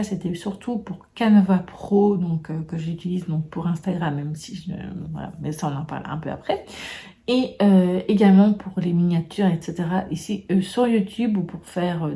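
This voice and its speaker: A woman with a lowish, mellow voice talks through her month in a relaxed home vlog. She hesitates often, filling gaps and restarting her sentences as she goes. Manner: hesitant, many fillers and restarts. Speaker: booktube vlogger. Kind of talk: casual monthly wrap-up chat.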